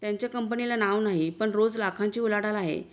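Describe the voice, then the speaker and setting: A woman reading the part of a boastful, smooth-talking middle-aged husband in a story, coaxing and self-assured. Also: mid-range voice, brisk, lightly acted.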